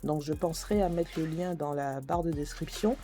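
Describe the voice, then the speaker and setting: A woman's voice: low-pitched, moderate pace, dark tone. A woman reviewing hair products in a casual vlog, talking hesitantly with many fillers as she reads labels aloud. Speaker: beauty vlogger.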